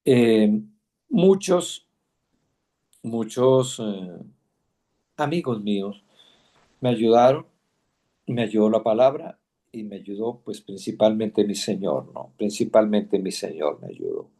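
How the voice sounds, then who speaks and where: A man speaks in a warm, mellow voice. He teaches a Bible class, telling his own story earnestly, pausing and repeating phrases as he goes. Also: lowish voice, sing-song. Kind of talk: personal testimony in a class.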